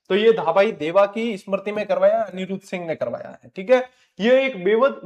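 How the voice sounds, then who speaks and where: A male teacher giving an exam-prep lecture, asking the class questions and answering them himself, with frank, scolding advice. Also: sits high.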